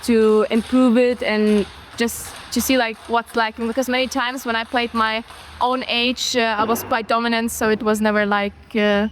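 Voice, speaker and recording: High-voiced teenage woman athlete. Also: level tone, moderate pace, slight background noise. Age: teens. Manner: chatty, playful.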